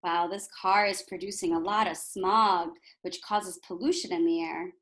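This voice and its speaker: In a lowish voice at normal speed, a woman reads a picture book to young children as a teacher would. Expressive and animated, she pauses to explain and to ask the little ones rhetorical questions.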